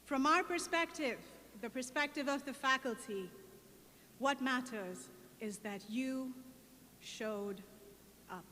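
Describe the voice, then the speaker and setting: A woman faculty member giving a commencement speech in a slow, emotional, deliberate cadence. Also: high-pitched, pushed and bright. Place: large outdoor venue with PA. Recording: reverberant PA sound with faint background noise.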